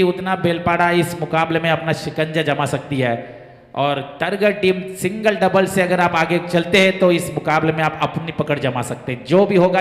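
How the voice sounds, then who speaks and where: A man from giving live local cricket commentary in an excitable manner. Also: fairly high pitch. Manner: excited commentary, rising on boundaries. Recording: echoey PA-like sound with long reverb.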